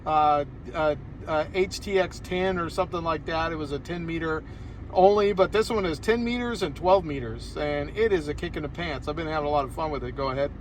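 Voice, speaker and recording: With a slightly high voice and a brisk delivery, an American amateur radio operator rambles casually over the air. The conversation comes from inside a car parked outdoors on a hillside, with a bit of background noise.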